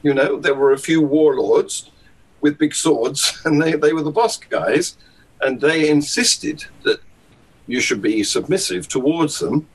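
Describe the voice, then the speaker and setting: Male guest, fairly high and husky, wry, chuckles often, reasoned. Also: unhurried, poor audio. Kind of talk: casual discussion.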